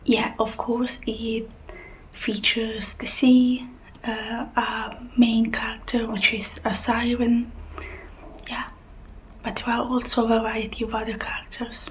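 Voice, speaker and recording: A woman in a whispered role-play as a helpful librarian, speaking in a hushed, breathy whisper. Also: fairly high pitch, little pitch movement, slow, slight background noise. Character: helpful soft-spoken female librarian suggesting books.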